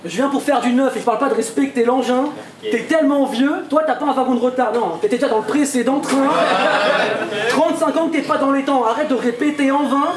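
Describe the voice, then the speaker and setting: A man battle raps a cappella in an event hall, mocking his opponent with taunting punchlines. His voice is very high-pitched and his delivery a little fast, recorded in an echoey hall with crowd noise.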